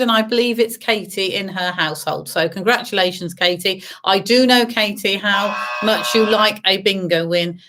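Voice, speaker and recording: Casting: woman, mid-pitched bingo caller, sing-song rhyming calls, chatty and teasing online host. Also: a bit bright. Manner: sing-song number calls, drawn out then repeated; chatty, teasing asides to remote players. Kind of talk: bingo calling with traditional rhyming number calls and chat to players.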